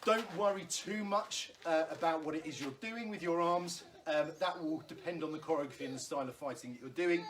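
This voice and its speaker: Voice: medium pitch, a little fast, hardly any pauses. A stage combat instructor teaching footwork at home, explaining each step patiently and reassuringly, with the odd light laugh, while calling out drills to follow. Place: room at home during lockdown. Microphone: camera in front of a standing speaker.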